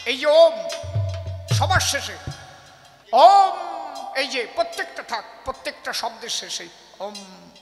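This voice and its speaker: A man with a preaches in a high, animated voice, breaking into chants and shouts as a devotional folk poet. He is heard over a live stage microphone in an echoey space with a long reverb tail. Music plays clearly behind him. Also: unhurried. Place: live stage at a religious fair.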